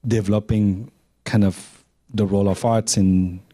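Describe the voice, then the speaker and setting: Soft-toned man with handheld mic. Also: on the low side, level tone, no echo. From Cambodia, raised in Canada. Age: 40s. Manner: measured, with frequent fillers and restarts. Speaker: panel speaker. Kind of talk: opening remarks at a panel. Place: lecture room, indoors. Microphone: handheld microphone.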